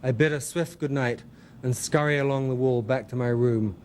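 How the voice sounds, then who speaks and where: A man's voice: medium pitch, moderate pace, a little mellow, a little hiss or hum. Man wryly narrating his memoir. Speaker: author reading his memoir.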